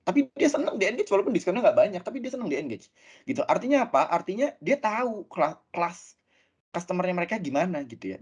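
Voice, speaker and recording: A man giving a webinar presentation as a guest speaker, chatty and animated, telling stories with many fillers. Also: on the high side, slightly rough. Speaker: guest speaker from a tech company.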